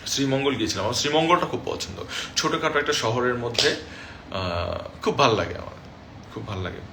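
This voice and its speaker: A man's voice: mid-range voice, lively intonation, fairly quick, background noise. A young man reading fans' comments aloud and answering them in a casual live chat from his room, mixing English phrases into his talk. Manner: chatty, mixes English phrases into speech. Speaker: actor reading fan comments on a livestream. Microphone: phone livestream.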